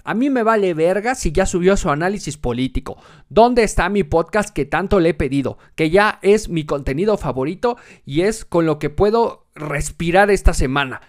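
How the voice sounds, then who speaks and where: A man's voice: high voice, expressive, normal speed. A man hosting his own comedic monologue podcast, sarcastic and profane. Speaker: podcast host.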